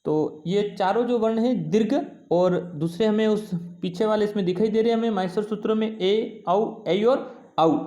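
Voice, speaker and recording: A man's voice: high-pitched, darkish tone. Hindi-speaking man teaching Sanskrit. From India. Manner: slow and explanatory, repeating "है ना" and "ठीक है" to check understanding; draws out vowels to show their length. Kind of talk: classroom lesson.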